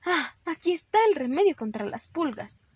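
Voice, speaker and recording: A woman's voice: sits high, animated, dry recording, studio quality, voice pushed up. A woman voicing a bossy mother rabbit, firm and scolding, in a storybook read-aloud. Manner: firm and scolding, quick to alarm.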